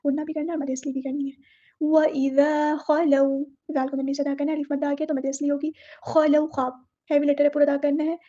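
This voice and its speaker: A woman teaching word-by-word recitation, who slowly draws out each word and then explains it briskly and patiently. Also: high voice, warm tone, lo-fi sound. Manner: alternates slow drawn-out recitation with brisk explanation; patient, instructive, repeats words to model correct pronunciation. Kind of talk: tajweed lesson, word-by-word explanation.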